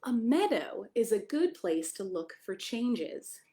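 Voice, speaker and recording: With a mid-range, sing-song voice and a dark tone, a Maryland pastor slowly reads a children's story. The American woman chats between pages and asks the young listeners simple questions.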